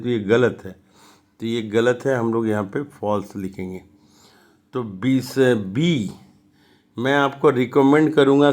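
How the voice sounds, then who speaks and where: Slow-talking Bihari man teaching science. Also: medium pitch. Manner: slow, repetitive explaining, mixes Hindi with read-out English. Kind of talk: classroom lesson explaining answers.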